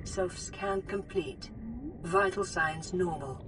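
A woman voicing a calm female onboard computer assistant in a game, with a smooth synthetic tone and a gentle, clinical delivery. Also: fairly low pitch, slow. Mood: reassuring. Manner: gentle, even, clinical care-robot delivery. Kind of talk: in-game voice-over. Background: game music.

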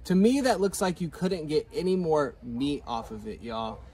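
A man's voice: a little high, big pitch swings, moderate pace, a little mellow, breathy edge. A man hosting an outdoor cooking vlog, upbeat and saying y'all a lot. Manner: upbeat, says y'all often. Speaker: vlog host. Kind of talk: casual vlog chat.

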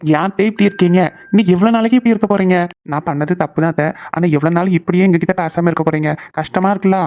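A pleading young cartoon nephew, tinny sound. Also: male voice, high-pitched, racing. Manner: pleading, coaxing. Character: young man pleading with his aunt, earnest. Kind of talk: cartoon voice acting.

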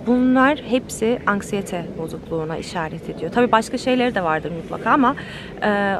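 A young woman talking straight to her viewers in a candid, unscripted way, stopping and restarting as she recalls things. Her voice sits at an ordinary middle pitch. A faint hum of outdoor traffic runs underneath. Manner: candid, animated, with many fillers and restarts. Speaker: vlogger. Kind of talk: personal storytelling to camera.

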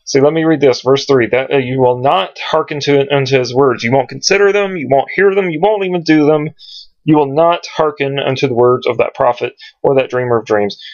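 A man teaching from scripture at home in a casual, rambling way, searching his computer aloud with many pauses and ums. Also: medium pitch. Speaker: Bible teacher. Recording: dull lo-fi home recording.

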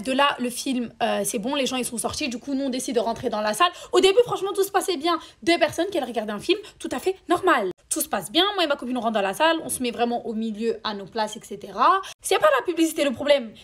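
Fast-talking young-sounding woman ranting. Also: sits high. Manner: animated, crude slang and swearing; exasperated ranting asides. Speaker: storytime vlogger. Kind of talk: storytime chat to camera.

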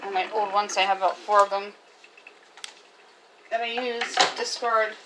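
A woman's voice: medium pitch, fairly even intonation, a little slow. A middle-aged woman casually narrating her morning kitchen chores in a homey, chatty way, filmed on a phone propped in a small home kitchen. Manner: chatty, homey, talks while working. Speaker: homemaker vlogger. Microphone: phone camera propped on the counter. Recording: loud kitchen noise, phone mic. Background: running water and clattering dishes.

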